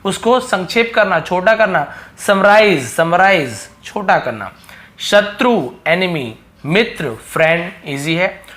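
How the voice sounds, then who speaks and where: A male teacher with a slightly high, sharp and bright voice runs his own channel's English lesson. He explains patiently, repeats every word and asks his students questions along the way. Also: lively intonation, slow pace.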